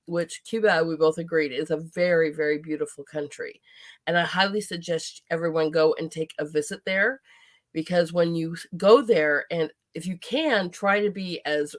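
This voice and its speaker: An enthusiastic woman hosts an interview in a loose, casual way. She talks in long, chatty runs and turns often to address her audience directly. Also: lowish voice. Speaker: host.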